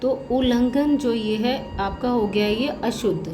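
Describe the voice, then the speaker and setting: A woman's voice: a little high, measured pace. A woman college professor giving a spelling lesson, patiently working through correct and incorrect words and repeating each one. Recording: echoey room with faint music.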